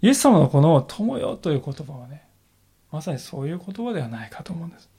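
A male pastor giving a sermon in an earnest, reflective way, slowing down to stress key phrases. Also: on the high side, very animated, warm tone, husky. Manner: earnest, reflective preaching with emphatic slowed phrases.

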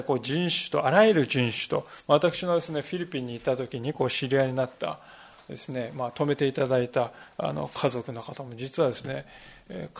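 A male pastor giving a Sunday sermon, explaining things step by step and often pausing on fillers. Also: medium pitch, vocal fry, slightly rough. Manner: explanatory, peppers phrases with "desu ne" and fillers.

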